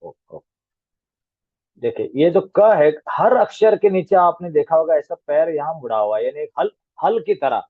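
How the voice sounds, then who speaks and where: A man's voice: on the high side, animated, moderate pace, hardly any pauses, dry recording. A man teaching a grammar class online, patiently spelling out letter sounds one at a time. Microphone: video call. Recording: tinny dry call audio.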